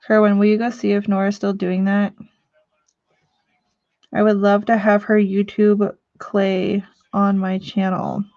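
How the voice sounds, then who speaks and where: A woman's voice: mid-range voice, monotone, unhurried, a little mellow, dry recording, muffled recording. A woman from Missouri hosting a casual live stream talk show from home, chatting, joking and reading out viewer comments. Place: home living room.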